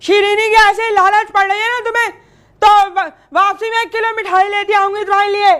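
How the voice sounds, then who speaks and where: A woman's voice: very high-pitched, flat delivery, brisk, fairly bright tone. A young woman plays a defiant daughter arguing back in a comedy drama. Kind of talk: scripted comedy drama dialogue.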